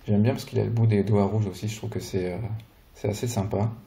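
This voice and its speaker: Toy reviewer, man, low and very dark voice, easygoing chatty delivery. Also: brisk, vocal fry. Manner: relaxed, chatty, hesitant fillers. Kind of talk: casual product walkthrough.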